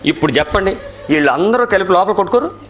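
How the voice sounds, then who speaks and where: A man with a Telugu accent preaching a sermon, firing rhetorical questions and swinging from loud outbursts to low asides. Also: animated, quick pace.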